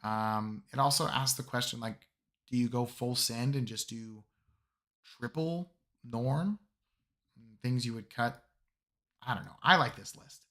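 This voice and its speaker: A man hosting a live stream, with a voice still raspy from a cold, chatting upbeat and casual with his viewers. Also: medium pitch, a little slow, pauses often, sharp tone. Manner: upbeat, talks to chat. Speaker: streamer host.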